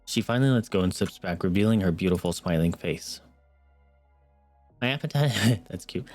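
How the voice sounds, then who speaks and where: A young man streams himself reading a visual novel aloud, earnest in the reading but tossing in wry asides. His voice is deep, expressive and darkish, at normal speed, with no room sound and soft music underneath.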